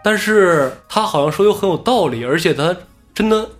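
A man casually telling a story from his own life on a podcast, animated and acting out what others said. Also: high-pitched, moderate pace, soft background music. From Inner Mongolia.

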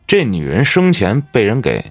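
A man's voice: wildly swooping pitch, normal speed, soft background music. A man, a podcast host telling a ghost story in colloquial, swear-laden style. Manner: colloquial storyteller, swears often, dramatic swings in pitch.

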